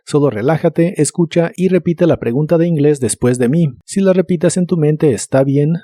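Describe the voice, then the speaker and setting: A man's voice: on the high side, dark tone, no echo. Man teaching English pronunciation. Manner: slow, deliberate pronunciation drills with repetitions. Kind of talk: scripted language lesson narration.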